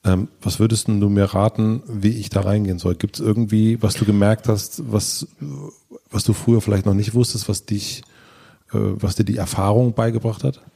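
A man's voice: lowish voice, little pitch movement, moderate pace, creaky, warm tone, breathy edge. A man interviewing casually, asking easygoing, probing questions.

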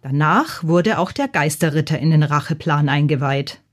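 A woman narrating a children's storybook in a calm, measured reading. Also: low voice, faint music behind.

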